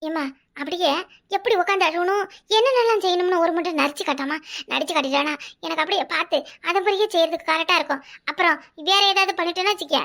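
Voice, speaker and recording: A performer doing a sly plotting village daughter, Kanyakumari Tamil accent, shrill bright voice, wheedling, cartoon. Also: fast, heavily acted. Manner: wheedling, mock-innocent questioning. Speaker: cartoon character. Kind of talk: comic cartoon voice acting.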